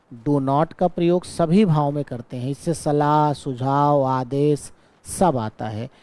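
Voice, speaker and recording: A man teaching grammar for exam prep speaks in a fairly high, mellow voice, explaining with patience. He frequently checks whether the class is with him and stretches his English example sentences out slowly.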